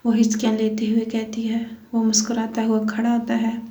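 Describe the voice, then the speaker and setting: A woman narrating a romantic novel aloud with an even, steady delivery. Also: a little high, normal speed. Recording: echoey room.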